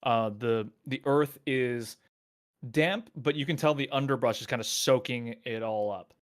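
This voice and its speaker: Man, mid-pitched, game master, rambling scene narration. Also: measured pace, clear, resonant tone. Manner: loose, full of fillers.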